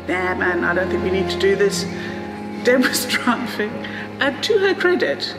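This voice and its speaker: A middle-aged Zambian woman with a Southern African accent and medium pitch tells her own travel story in a conversational, reflective, anecdotal interview style. The room is echoey and reverberant, with music playing behind her.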